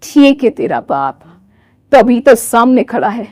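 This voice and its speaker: Woman doing a gruff father-in-law. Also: a little high, big pitch swings, slow pace, darkish tone, no echo, clean studio sound, voice pushed down.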